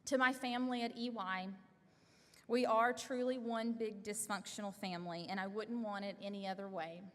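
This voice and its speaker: Young woman giving a heartfelt acceptance speech. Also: mid-range voice. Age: young adult. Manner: earnest, heartfelt thank-yous read from notes. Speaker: award recipient. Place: large hall at an awards event. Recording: long hall reverb.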